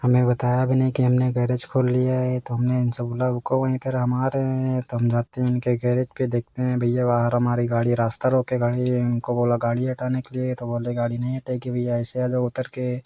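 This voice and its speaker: A man's voice: mid-range voice, brisk, few pauses, no echo. A man narrating his outing vlog in a casual, storytelling way, saying "bhaiya" again and again. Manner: flat storytelling, rural Hindi phrasing, repeats "bhaiya" often. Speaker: vlogger.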